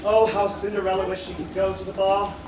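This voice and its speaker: A woman playing an expressive, gently chiding storyteller in a children's stage musical. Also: medium pitch, fairly quick, background noise, close to an everyday voice. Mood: wistful. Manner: expressive, exclaiming. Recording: very echoey theatre, distant, music.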